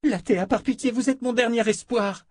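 A woman's voice: fairly low pitch, moderate pace, a little mellow, dry recording, studio quality, voice pushed up, lightly acted. A man reading aloud, voicing a frightened young woman who pleads urgently for help in an audiobook. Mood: pleading. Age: young adult.

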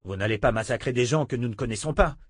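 A man's voice: medium pitch, fast talker, slightly rough, dry recording, studio quality, lightly acted. Man reading an indignant young swordsman. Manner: indignant, protesting. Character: young male swordsman, principled and angry.

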